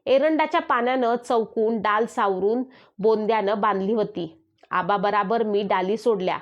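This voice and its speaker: A woman's voice: mid-range voice, moderate pace. A woman reading a rural story aloud, voicing the villagers' calls and dialect as she narrates. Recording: dull lo-fi recording.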